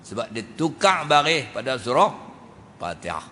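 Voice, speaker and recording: A man with a Kedah Malay accent giving a mosque lecture, lively and joking, often asking his audience questions. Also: mid-range voice, moderate pace. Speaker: religious teacher. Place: mosque hall. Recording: reverberant mosque hall, faint noise.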